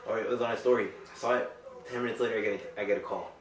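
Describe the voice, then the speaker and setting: A man's voice: fairly low pitch, steady tone, racing, roomy sound, distant mic, faint music behind, low-quality recording. A young man chatting casually with friends, telling crude stories with a laugh. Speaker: pizza shop worker. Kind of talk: casual chat among friends.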